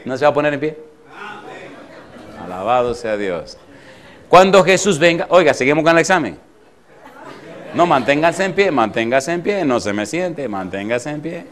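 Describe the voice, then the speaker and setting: A man preaching a sermon in a church, animated and bantering with his congregation through rhetorical questions. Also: fairly high pitch, moderate pace, long pauses, some chatter behind. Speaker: pastor. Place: church hall before a congregation.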